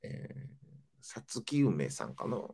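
A man's voice: fairly low pitch, slow, creaky, husky. A young man, a comedian chatting as host and telling stories with lots of animation. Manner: animated storytelling, voice jumping up and down. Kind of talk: casual chat.

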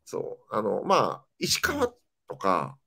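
A man's voice: on the low side, slow, gravelly. A young man, a comedian chatting as host and telling stories with lots of animation. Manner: animated storytelling, voice jumping up and down. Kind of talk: casual chat.

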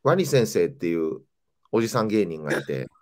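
A man's voice: sits low, brisk. A young man, a comedian chatting as host and telling stories with lots of animation. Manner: animated storytelling, voice jumping up and down. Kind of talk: casual chat.

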